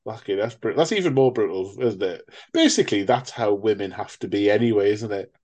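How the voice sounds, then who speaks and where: A man's voice: on the low side, lively intonation, brisk, a little mellow. A British man riffs through a casual podcast review of a film. He jokes, swears freely and acts out lines from the film with a laugh. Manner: jokey, swears, laughs often, acts out quotes. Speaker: podcast co-host.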